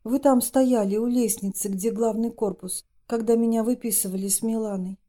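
A woman's voice: a little high, fairly even intonation, moderate pace, warm tone, natural voice. A woman voicing a stern, nervous middle-aged wife who speaks in a pressing tone.

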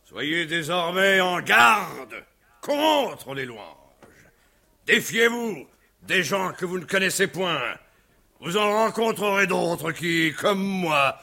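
An actor playing a mocking, swaggering male swindler in a vintage radio drama, with a raspy, cackling voice. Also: sits high, bright, forceful tone, heavily acted. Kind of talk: 1950s French radio drama acting.

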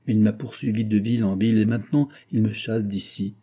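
A man's voice: lowish voice, steady tone, a little fast, warm tone, natural voice. A man reading aloud, voicing a cold and bitter middle-aged woman with a hard, cutting voice. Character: cold, harsh middle-aged woman under a false name.

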